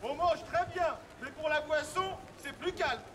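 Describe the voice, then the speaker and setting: A town crier, played by a man, calls out public messages in a very high, raised voice. The delivery is declamatory and stretched out for the street. A busy, noisy crowd surrounds him outdoors. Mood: proclaiming. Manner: loud, drawn-out, declamatory calling. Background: busy crowd in an urban street.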